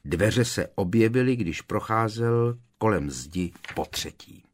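Low-voiced male audiobook narrator. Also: animated. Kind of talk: scripted narration.

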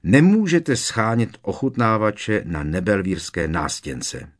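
A man doing a brisk, bossy schoolgirl. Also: lowish voice, very animated. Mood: reproachful. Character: clever bossy teenage schoolgirl.

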